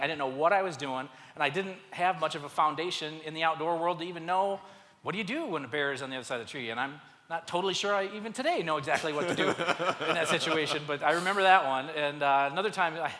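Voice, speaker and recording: Middle-aged man, animated storyteller to a live crowd; bright voice, set a bit high, long hall reverb. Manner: animated, self-mocking storyteller. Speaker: speaker at a men's church event. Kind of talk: storytelling talk to a live audience.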